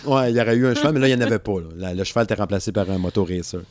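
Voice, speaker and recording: A man's voice: on the low side, very fast, a little mellow, no echo. A man in his thirties with a Quebec French accent, rambling casually about music on a podcast and laughing often. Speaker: podcast co-host.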